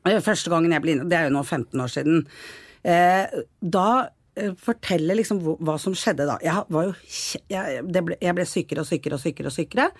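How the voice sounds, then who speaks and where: A Norwegian woman talks on a podcast in a husky, fairly low voice. She tells her story in a lively way and acts out the people in it. The sound is close and dry. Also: no room sound. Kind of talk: casual conversation.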